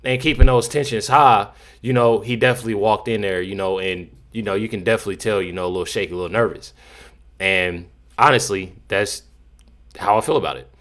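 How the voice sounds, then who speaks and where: A man's voice: fairly low pitch, brisk, a bit bright. A man giving casual, unscripted commentary in a rambling, repetitive way, leaning often on filler phrases. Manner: rambling, repeats himself, frequent "you know". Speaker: commentator reacting to news clips.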